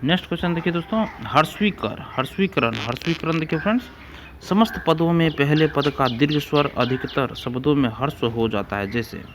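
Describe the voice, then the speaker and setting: Man, teacher, exam-prep grammar lesson, repeats each rule, mid pitch, faint background noise. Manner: repeats rules and examples, addresses listeners as friends.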